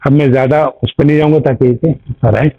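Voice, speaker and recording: A man teaching an Arabic grammar class, explaining slowly and repeating each term while checking that his listeners follow. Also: mid-range voice, steady tone. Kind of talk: grammar lesson. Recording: tinny phone-like audio.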